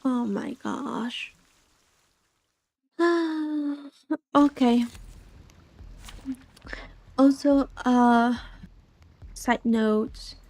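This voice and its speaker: A soft-spoken young woman streaming a game, chatting casually and reading the story aloud. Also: sits high, drawn-out words, pauses often.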